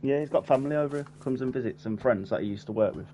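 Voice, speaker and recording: Relaxed man telling stories. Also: mid-range voice, rapid-fire. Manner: relaxed storyteller who loves to mimic friends. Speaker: gamer. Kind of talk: casual chat while gaming.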